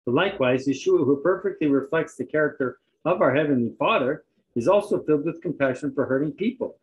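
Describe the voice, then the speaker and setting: A man preaching a sermon, reading scripture aloud and pausing in turns for an interpreter. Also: on the high side, animated, dull audio.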